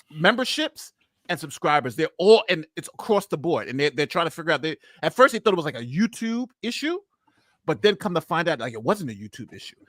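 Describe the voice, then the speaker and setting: A man on a casual law chat talks in a high, very lively voice that jumps all over. He rambles and laughs a lot. The sound is dry and close, over a video call. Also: no room sound. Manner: animated, rambling, laughs often. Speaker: lawyer panelist.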